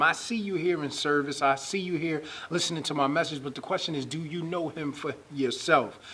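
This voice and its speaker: Preacher, male, husky and a bit high-pitched, swells into emphatic scripture reading. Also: pushed and bright. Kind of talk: sermon.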